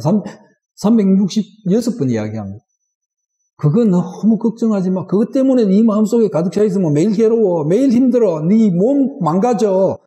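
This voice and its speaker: A middle-aged pastor preaches with a high yet mellow, dark voice and presses his point with rhetorical questions. His words ring through an echoey church sanctuary with a long tail of reverb. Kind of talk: sermon.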